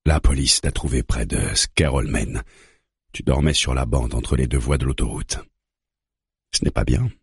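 A calm, gentle psychologist asking patient questions, played by a man. The voice drops lower than the reader's own very deep, husky tone and is heard dry and close. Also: moderate pace, dry recording, full character voice. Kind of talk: audiobook dialogue reading.

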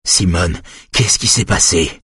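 A man voicing a frightened husband who speaks low and keeps his voice under control. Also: slow pace, bright, forceful tone, husky, no room sound, clean studio sound, exaggerated voice. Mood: tense. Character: shaken husband trying to stay calm.

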